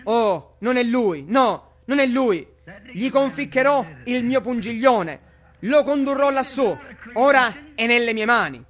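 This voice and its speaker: A man's voice: extremely high pitch, lively intonation, measured pace, fairly bright tone, heavily acted. A man voicing a sneering, boastful male devil who taunts and mocks, on a dull lo-fi recording. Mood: taunting. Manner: mocking, taunting.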